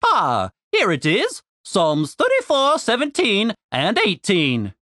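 A man voicing a scholarly wizard professor who speaks in a formal, measured, theatrical way. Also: high voice, wildly swooping pitch, pushed and bright, dry recording, studio quality, pitched above the performer's own voice, full character voice. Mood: solemn.

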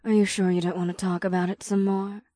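A man voicing an affectionate, gently teasing succubus woman in a spoken story, lifting his voice high and soft. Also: level tone, fast talker, no room sound, clean studio sound, close to an everyday voice.

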